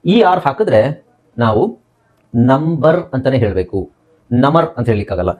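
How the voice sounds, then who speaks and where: Teacher, lively and repetitive. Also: male voice, mid-range voice, fast. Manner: explains step by step, spells words letter by letter and repeats them; asks the class questions and answers them himself. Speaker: English teacher. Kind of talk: spoken English lesson in Kannada.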